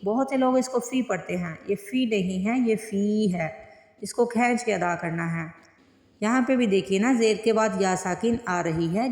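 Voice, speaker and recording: A woman teaching Quran tajweed word by word, explaining each rule plainly and then reciting the words slowly with long drawn-out vowels. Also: medium pitch, a little mellow. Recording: echoey room with long reverb.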